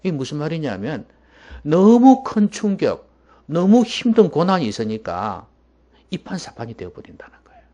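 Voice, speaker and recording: A man preaching a sermon as pastor in a church, emphatic and at times dropping to a hushed voice. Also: fairly high pitch, huge pitch swings, moderate pace.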